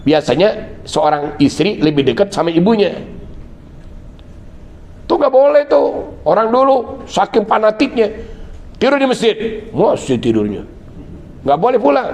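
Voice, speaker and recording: His voice sits high, and he talks a little slowly, pausing often. He's a middle-aged Islamic preacher with a Betawi Jakarta accent whose lecture weaves lessons with comic tales and lively, multi-voiced family scenes.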